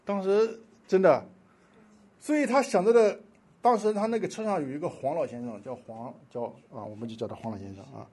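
A man preaching a sermon, telling a story with impassioned swings between loud pleading and hushed asides. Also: fairly high pitch, a little fast, slightly rough.

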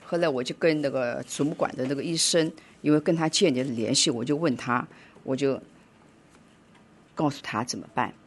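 A middle-aged woman preaching a sermon and telling a personal story, swinging between loud urging and quiet telling. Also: a bass voice, normal speed, slightly rough.

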